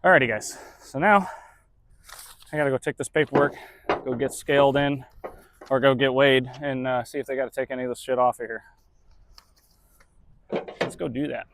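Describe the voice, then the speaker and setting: A man's voice: mid-range voice, steady tone, normal speed, long pauses, background noise. A truck driver talking casually to his camera while he works, in a laid-back, chatty way with casual swearing. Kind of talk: casual vlog narration.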